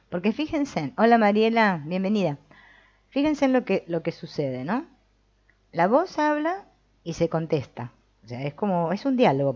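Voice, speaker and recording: A woman's voice: on the low side, a little mellow, lo-fi sound. A woman hosting a live-streamed book discussion, talking it through conversationally and often checking in with her listeners. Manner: conversational, keeps checking in with tag questions. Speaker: host of a book reading and discussion.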